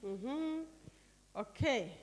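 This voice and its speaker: Speaking very slowly in a slightly high voice with lively intonation, an older woman from Uganda guides a group workshop. As facilitator she coaxes and directs people, often adding questioning tags, and the room carries a long hall reverb.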